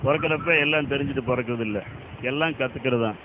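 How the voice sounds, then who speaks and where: A man's voice: mid-range voice, fast talker, background noise, close to an everyday voice. A man playing an earnest older village farmer. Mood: lecturing. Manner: earnest, lecturing. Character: older village farmer urging young men to farm. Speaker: elder farmer. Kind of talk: short film acting. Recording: phone-like audio with loud music.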